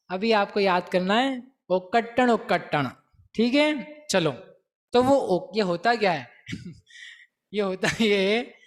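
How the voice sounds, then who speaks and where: Slow, playful teacher. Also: male voice, sits high. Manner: playful, coaxes class to repeat terms aloud; slow, deliberate explanation with rhetorical questions. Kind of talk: scripture lesson.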